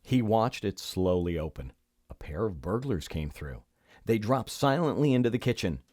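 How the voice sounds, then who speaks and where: A man's voice: on the low side, sing-song, moderate pace, a little mellow, no room sound, clean studio sound. A man reading a children's story aloud, expressively and with theatrical emphasis. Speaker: storybook reader.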